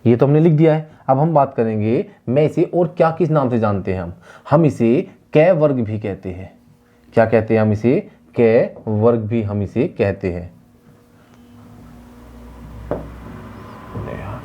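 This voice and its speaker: A male teacher giving a classroom lecture, sounding out syllables slowly and asking the class again and again if they follow. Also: medium pitch, warm tone, dull audio. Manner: drills sounds slowly and repeats questions to students. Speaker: Hindi teacher.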